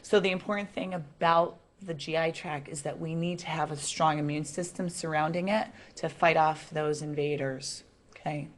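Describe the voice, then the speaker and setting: A woman giving a classroom lecture in a chatty, relaxed way, asking the students questions as she goes. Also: sits low, moderate pace.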